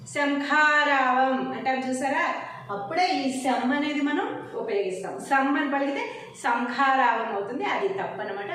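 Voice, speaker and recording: Woman teacher, high voice, slow sing-song recitation, far from the mic in a very echoey room. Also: fairly bright tone. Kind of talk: teaching a Telugu alphabet lesson. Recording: very echoey, distant room mic with faint noise.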